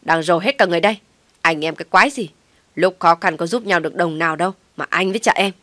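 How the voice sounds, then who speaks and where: Storybook role: indebted rude young man, woman reader, shouts back insolently, dry close sound. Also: fairly low pitch, quick pace, dry recording, natural voice. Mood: defiant shouting.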